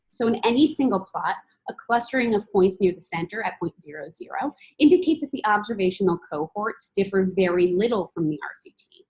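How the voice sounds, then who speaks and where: A woman presenting research as a PhD candidate, explaining it in a measured, formal and methodical way. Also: medium pitch, low-quality recording.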